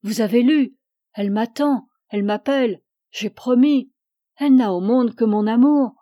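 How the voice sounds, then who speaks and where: Une femme qui prête sa voix à un jeune homme tourmenté, partagé entre la foi et un amour coupable, qui implore avec passion. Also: female voice, medium pitch, measured pace, warm tone, no echo, studio quality, lightly acted. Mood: desperate. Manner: pleading, impassioned. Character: anguished young man torn by guilty love.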